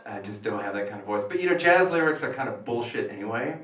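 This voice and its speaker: A man doing crude, self-mocking stand-up comedy in a small cafe, with a rough, wrecked voice. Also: on the low side, expressive, fast, fairly bright tone. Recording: echoey room, distant mic, live music.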